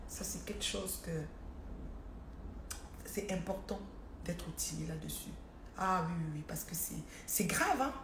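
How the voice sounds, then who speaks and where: A woman's voice: fairly low pitch, measured pace, long pauses. A woman hosting a live stream, chatting casually and animatedly to her followers, repeating words as she goes. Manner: animated, repeats words, talks straight to viewers. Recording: roomy echo with faint background noise.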